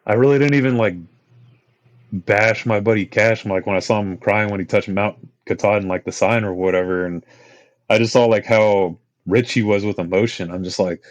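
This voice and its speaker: A man's voice: on the low side, fairly even intonation, normal speed, dry recording, poor audio. Laid-back man rambling through trail stories. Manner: rambling, laid-back, many fillers like "you know" and "like". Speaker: podcast guest, long-distance hiker. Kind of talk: casual storytelling chat.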